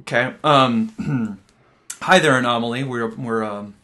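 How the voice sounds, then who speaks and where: A man's voice: mid-range voice, slow, pushed and bright. Rambling, jokey young male podcast host. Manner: rambling, jokey, full of fillers and restarts. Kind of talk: casual chat.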